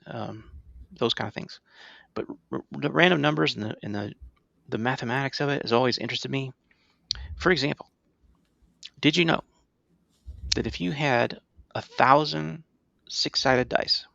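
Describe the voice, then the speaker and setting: Here a middle-aged man co-hosts a podcast, explaining in relaxed chat and asking "right?" to check in with listeners. He has a medium pitch with vocal fry and a pushed, bright quality; the recording is dry with the highs cut off.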